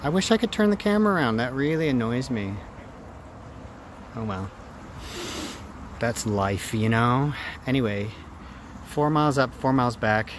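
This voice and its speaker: A man talking casually and reflectively to a handheld phone in a rambling vlog, in halting phrases. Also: medium pitch, expressive. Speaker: running vlogger. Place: outdoors after a run. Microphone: handheld phone camera at arm's length. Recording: outdoor noise, traffic ambience.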